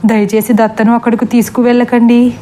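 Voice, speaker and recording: A woman's voice: fairly high pitch, little pitch movement, fairly quick, mellow, close to an everyday voice. A woman voicing an anxious middle-aged mother in a storybook reading, pleading and alarmed.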